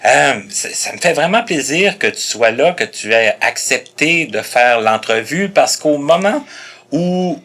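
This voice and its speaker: A man with a Quebec French accent hosting a casual interview, chatty and quick to laugh, often restarting his questions. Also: a little high, lively intonation, a bit bright. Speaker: podcast host.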